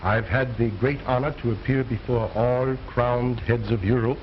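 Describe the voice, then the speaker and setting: A man's voice: mid-range voice, fairly even intonation, normal speed, close to an everyday voice. Man as pompous ventriloquist, formal stage patter, exasperated straight man, muffled old film sound, faint noise. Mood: grand, formal.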